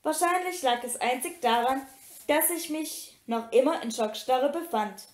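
A woman reading a novel aloud in German, first-person audiobook narration with an expressive manner. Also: high-pitched, a little slow. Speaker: audiobook reader. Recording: roomy echo.

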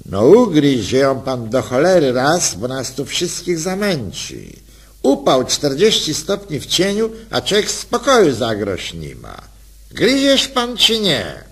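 A man's voice: fairly high pitch, wildly swooping pitch, slow, breathy edge, exaggerated voice. A man doing a sour grumbler. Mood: grumpy. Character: sweaty, irritable heavyset male passenger.

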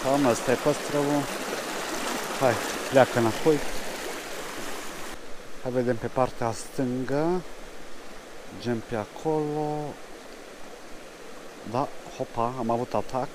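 Man fishing by a loud stream. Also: medium pitch. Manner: mumbles quietly to himself while fishing, then speaks up loudly to the camera. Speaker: fishing vlogger. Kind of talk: casual outdoor fishing commentary. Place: outdoors by a mountain stream. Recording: rushing stream noise behind.

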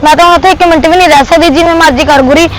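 A fierce young woman with a Punjabi accent fires off quick, cutting retorts at her boyfriend, as an actress plays her. Her voice sits very high and races along, with traffic somewhere behind her outdoors. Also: steady tone, lightly acted, poor audio. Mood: angry. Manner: sharp, confrontational, fast retorts. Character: angry young woman demanding her boyfriend leave his mother. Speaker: girlfriend. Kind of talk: short film acting.

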